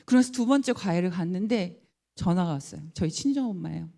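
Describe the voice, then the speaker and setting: A middle-aged woman preaching a personal testimony from the pulpit. Her voice is mellow and warm. She tells her story with animated delivery and acts out the voices of the people in it. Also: fairly low pitch, quick pace, gravelly. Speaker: guest speaker, school principal. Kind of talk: sermon testimony.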